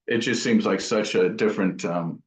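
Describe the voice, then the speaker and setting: This guitar amp builder, interviewed as a guest craftsman, has a fairly low voice and talks at a normal speed. His answers are casual, and he reasons aloud, revising himself mid-thought. The sound is dull, lo-fi and roomy.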